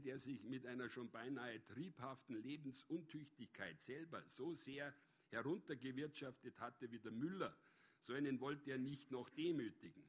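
A man reads a story aloud as an audiobook narrator. His delivery is measured and even, at a middle pitch for a man. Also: slightly rough.

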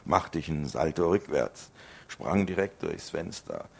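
Male performer, rhyming storyteller, very deep, gravelly, husky. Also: expressive, a little slow. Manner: rhythmic, storytelling delivery. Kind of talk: rhymed spoken-word performance.

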